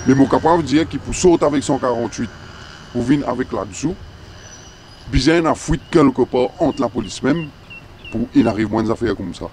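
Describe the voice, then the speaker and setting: Disguised man, pitch-lowered filter, Mauritian accent. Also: darkish tone, a little hiss or hum. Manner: halting, broken French with repeated words. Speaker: interviewed police informant. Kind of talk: news interview.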